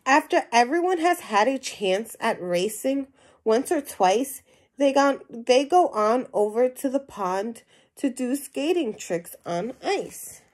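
Her voice sits fairly high and swings widely in pitch as she reads slowly. The young adult is sharing a children's picture book in a small indoor room at home, adding simple questions and asides for young listeners.

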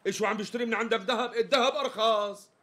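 An actor playing a hot-tempered customer in a TV sketch comedy, speaking with a Damascene Arabic accent and insisting on a straight answer. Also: male voice, extremely high pitch, fairly even intonation, rapid-fire, fairly bright tone. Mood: exasperated. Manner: exasperated, repeatedly demanding the price.

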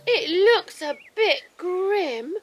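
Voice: very high voice, animated, drawn-out words, faint music behind, voice pushed up, full character voice. A woman voicing a prim, whiny young noble daughter. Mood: sniffy.

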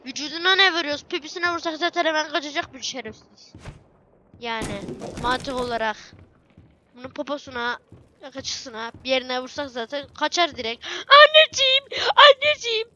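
A woman giving excitable, chatty let's play commentary, talking to herself and her viewers as she plays. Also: sits high, brisk, slight background noise. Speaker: gameplay streamer.

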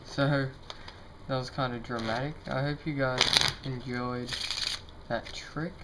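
Young male amateur magician, informal and self-deprecating, medium pitch, noisy home recording with card shuffling. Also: steady tone, takes it slowly. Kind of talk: casual demonstration to camera. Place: indoors at a table.

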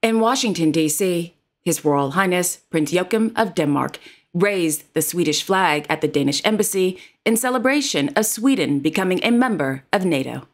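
A woman's voice: lowish voice, animated, moderate pace. A woman presenting royal news in a formal, carefully read narration. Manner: formal, reads titles and quotes carefully.

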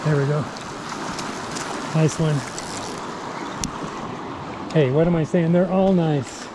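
A man with a slightly high voice calmly narrates his fly fishing, explaining as he goes and talking to himself between casts. A head-mounted action camera records him outdoors on a river bank, with loud rushing stream water under every word.

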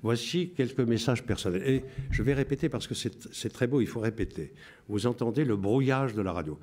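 A man in his seventies from France, a writer talking reflectively in an interview, deliberate, with pauses and restarts. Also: mid-range voice, animated, darkish tone. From France (Bordeaux).

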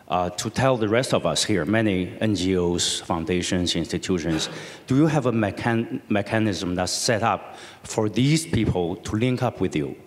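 Low-voiced man asking a question in a hall. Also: expressive, moderate pace. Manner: long, winding question with a false start. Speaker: audience member asking a question. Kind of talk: audience question at a conference. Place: large lecture hall.

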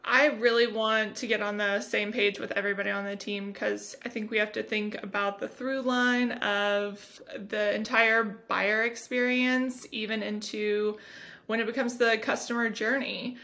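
A woman's voice: mid-range voice, little pitch movement, unhurried, sharp tone. A woman co-hosting and producing a podcast in a studio, answering in a friendly, easygoing way. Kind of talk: casual podcast chat.

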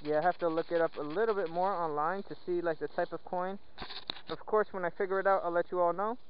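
A man chatting casually and playfully while metal detecting outdoors in the woods, excited over each find. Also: high voice, quick pace. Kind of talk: casual outdoor vlog commentary. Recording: dull lo-fi outdoor audio with faint wind noise.

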